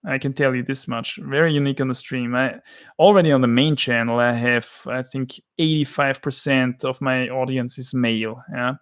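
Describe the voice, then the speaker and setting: A man's voice: mid-range voice, fairly even intonation, normal speed, smooth. A man with an Austrian accent chatting casually on a livestream, rambling and joking as he answers viewers' chat. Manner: rambling, joking, reads chat comments aloud.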